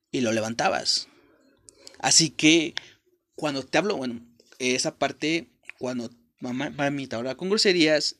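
A man's voice: mid-range voice, fairly bright tone. Casting: young Mexican man, Mexican accent, podcast host, crude and blunt motivational monologue, mid-range voice. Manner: blunt and profane, talks straight to the listener.

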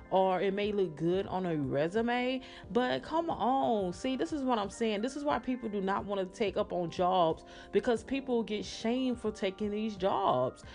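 A woman hosting a casual solo podcast, talking in a sassy, slangy, emphatic way with drawn-out words. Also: medium pitch, a little mellow. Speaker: podcast host.

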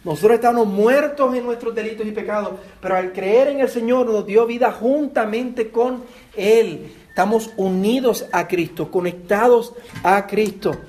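A man with a Puerto Rican accent delivers a sermon in a fairly high voice. He preaches earnestly, repeating words and turning to his listeners with direct questions. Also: normal speed, a little mellow. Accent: Puerto Rican Spanish. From Puerto Rico. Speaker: pastor.

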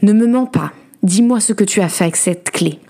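A woman's voice: lowish voice, moderate pace, a little mellow, lightly acted. A woman voicing a cruel, menacing nobleman husband who interrogates and snarls at his wife in a storybook reading.

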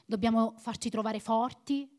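A woman's voice: on the high side, fairly even intonation, moderate pace, darkish tone. A woman preaching a sermon in an earnest, exhorting manner, repeating phrases for emphasis.

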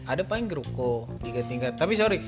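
A man's voice: mid-range voice, sing-song, fast, over music. A man from Jakarta, a guest in a casual podcast chat, teasing, laughing often and rambling through his answers.

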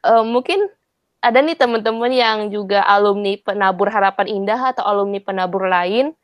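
A young adult woman co-hosting a podcast, explaining things and wrapping up the episode in a relaxed way. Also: medium pitch, moderate pace, dry recording, muffled recording. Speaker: podcast co-host. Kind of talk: casual chat.

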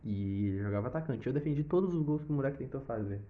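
A young man with a Brazilian accent telling a personal story in a casual, animated way, with sound effects and swearing. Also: medium pitch, quick pace. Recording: slightly dull lo-fi recording.

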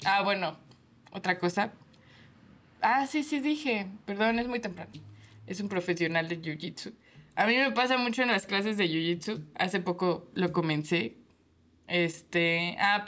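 A woman's voice: fairly low pitch, normal speed, a bit bright. A woman hosting a podcast, talking casually with lots of fillers and laughter. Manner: chatty, laughs often, rambling with fillers. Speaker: podcast host. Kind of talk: casual chat.

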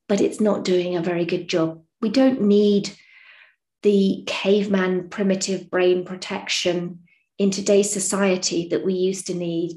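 A woman's voice: mid-range voice, darkish tone. A woman hosting a podcast, giving casual, encouraging advice in a frank, chatty way that includes casual swearing. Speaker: podcast host. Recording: echoey room.

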